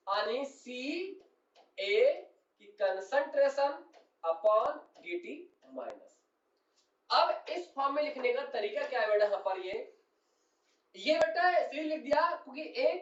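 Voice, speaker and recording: A man teaching chemistry to a class, explaining step by step, repeating key terms and often asking whether students have understood. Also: extremely high pitch. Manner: keeps checking understanding and calls students "son". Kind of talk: classroom lecture. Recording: roomy, distant and dull-sounding.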